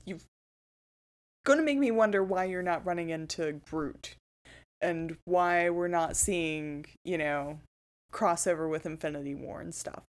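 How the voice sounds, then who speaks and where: A woman co-hosting a casual podcast chat, animated and teasing, often laughing. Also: fairly low pitch, a little slow. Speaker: podcast co-host.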